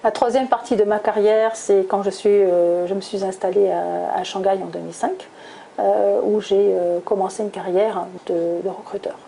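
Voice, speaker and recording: A middle-aged woman from Toulouse speaks, her tone mellow and soft. She answers interview questions at an easy, thoughtful pace and pauses often on hesitations, with faint ambient noise behind her. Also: medium pitch, steady tone, vocal fry, poor audio. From France, southwest (Toulouse). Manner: thoughtful, many hesitations with "euh". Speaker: guest, recruiter.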